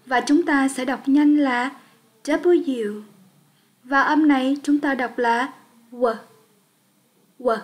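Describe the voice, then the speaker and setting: A woman's voice: high-pitched, steady tone, measured pace, hardly any pauses. A woman teaching an English lesson for young children, speaking patiently and leading repetition drills.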